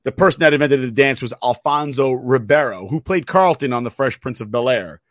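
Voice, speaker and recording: A man's voice: mid-range voice, fairly quick, no echo, studio quality. A man chatting casually as co-host of a podcast.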